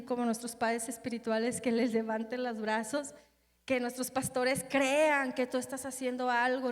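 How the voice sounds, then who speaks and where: A woman preacher delivering a fervent, emotional sermon, her loudness rising and falling dramatically. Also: fairly high pitch, in a large hall.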